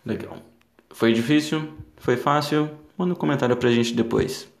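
A man's voice: medium pitch, normal speed, vocal fry, echoey room. A man hosting a podcast lesson, explaining and talking directly to his learners. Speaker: podcast host and English teacher.

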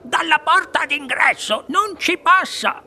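An excitable old grandfather, pitched high and drawn out, as the reader acts him out. He exclaims eagerly, in a storybook reading. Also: slow pace, full character voice. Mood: puzzled.

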